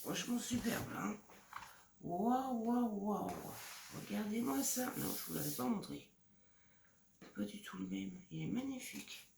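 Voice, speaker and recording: A woman's voice: medium pitch, vocal fry, darkish tone. A woman showing off scrapbooking paper pads in a casual vlog, gushing and sometimes dropping to a whisper. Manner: gushing, lots of "franchement" and "regardez-moi ça". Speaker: scrapbooking vlogger. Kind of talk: casual show-and-tell. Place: home craft room. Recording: echoey room from a distance, noisy.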